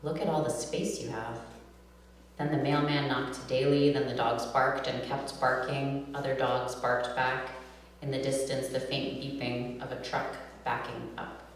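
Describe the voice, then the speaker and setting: A poet from New York City, USA, reads her own work at a live event and introduces the poems informally. Her voice is a nasal bass with a flat delivery, paced in a measured way. The room is reverberant, and the distant mic captures an echoey hall with a hum.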